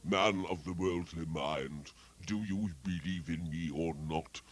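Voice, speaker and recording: Man to play a deep, slow, moaning ghost of a miser, sorrowful and chained. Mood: solemn, doleful. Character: ghost of a dead miserly businessman, mournful, chained. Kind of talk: dramatic reading of a classic tale.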